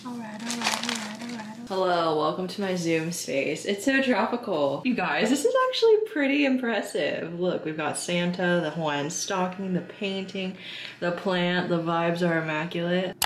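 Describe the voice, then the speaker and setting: A young woman in her twenties from California chats to the camera in a home kitchen. Her voice sits a little low for a woman, and she keeps things casual and upbeat. A steady hiss of background noise runs under it. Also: normal speed. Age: 20s. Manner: chatty and upbeat, talking to the camera. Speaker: vlogger. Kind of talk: casual vlog chat. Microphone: camera close to the face.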